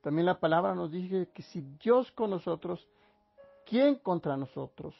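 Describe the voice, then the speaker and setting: A pastor from Mexico preaching a sermon in a church, slow and emphatic, often calling listeners brothers. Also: male voice, sits high, animated, creaky, breathy edge, highs cut off, soft background music.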